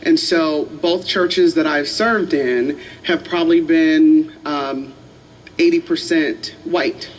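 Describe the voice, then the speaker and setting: A woman from Michigan, a pastor, telling her story on a panel in a university chapel in a slow, joking manner. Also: low-pitched, distant mic, a little hiss or hum, low-quality recording. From Michigan, USA.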